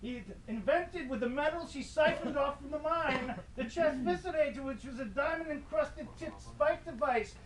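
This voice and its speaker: Macabre comic ghost tour storyteller, male actor, theatrical and wordy, strikingly high voice, slightly noisy distant recording. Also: moderate pace, few pauses. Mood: sly, grandiose. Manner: theatrical, mock-grandiose, wordy. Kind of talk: semi-scripted comic horror tour narration. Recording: distant mic, light background noise.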